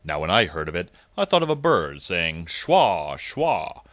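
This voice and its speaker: A man voicing a cheerful man who loves word history, telling it in an animated way. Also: deep voice, a little slow, dry recording, heavily acted. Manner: animated storytelling.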